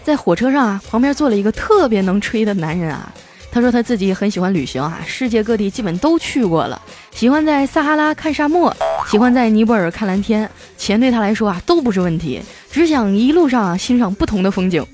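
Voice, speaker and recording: Lively chatty woman storytelling host. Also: fairly high pitch, faint music behind. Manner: lively, chatty, drawn-out sentence endings. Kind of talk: comic storytelling podcast.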